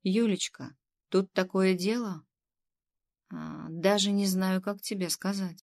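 A woman voicing a middle-aged female kindergarten head who is fussy, bossy and coaxing, with a gravelly edge. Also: medium pitch, fairly even intonation, darkish tone. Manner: coaxing, bossy, quick to scold.

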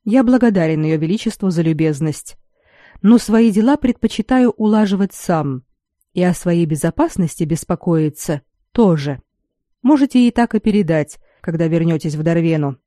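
In an audiobook, a reader takes on a proud young male lord who talks coldly, heavily, and in clipped phrases. The voice is medium-pitched, mellow, and natural, animated and at normal speed. The recording is dry with clean studio sound.

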